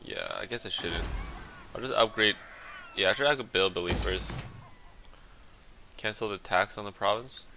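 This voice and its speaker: A man's voice: fairly low pitch, normal speed, pauses often, background noise. A man playing a strategy game and talking through his moves aloud in casual commentary. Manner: muttering his plans aloud as he plays. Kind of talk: casual let's-play commentary.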